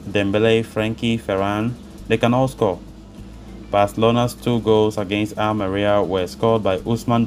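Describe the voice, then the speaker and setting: A man's voice: lowish voice, darkish tone, slight background noise. A man presenting football news, reading a script and adding his own commentary.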